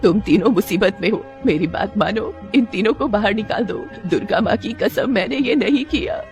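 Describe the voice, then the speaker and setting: A woman's voice: medium pitch, normal speed, darkish tone, faint music behind, natural voice. A woman voicing a 70-year-old mother in a cartoon story, tearful and pleading as she prays. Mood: pleading prayer. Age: 70s. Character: grieving 70-year-old mother, jailed and devout.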